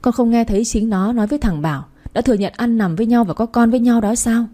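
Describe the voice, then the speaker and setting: A woman voicing an anxious, doting middle-aged mother who pleads tearfully, with a husky, dark voice. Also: on the high side, fast talker, pitched above the performer's own voice, natural voice. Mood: scornful.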